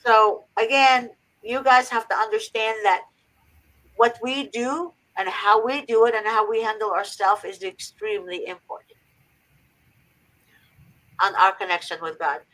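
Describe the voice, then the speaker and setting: A woman's voice: fairly high pitch, fairly even intonation, unhurried, fairly bright tone, low-quality recording. A woman from Egypt hosting a faith-based advice talk, earnest and preachy with emphatic repetition. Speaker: host.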